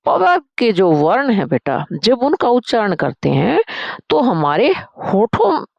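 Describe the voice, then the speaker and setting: Slow woman teacher, gravelly. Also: medium pitch, very animated, dry recording, dull audio. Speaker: Sanskrit teacher. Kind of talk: teaching a grammar lesson.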